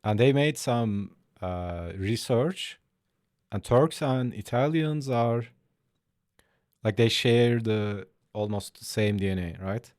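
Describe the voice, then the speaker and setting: A young man streaming his drawing session, chatting casually and answering viewers in a relaxed, easygoing way. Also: mid-range voice, slow pace, no room sound, studio quality. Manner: laid-back, chatty, answers chat aloud. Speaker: art streamer. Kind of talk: casual livestream chat while drawing.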